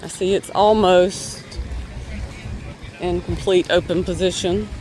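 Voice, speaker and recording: Chatty high-voiced man narrating outdoors. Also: fairly even intonation, takes it slowly, a little mellow, soft background music. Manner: unscripted, stammering, chatty. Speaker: vlog host. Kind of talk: casual walking-tour narration. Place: outdoors at a waterfront marina, walking.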